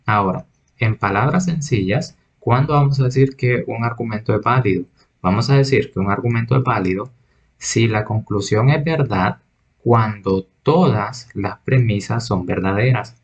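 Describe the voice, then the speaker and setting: A man's voice: mid-range voice, normal speed, husky. A man teaching a logic lesson, methodically restating each point step by step.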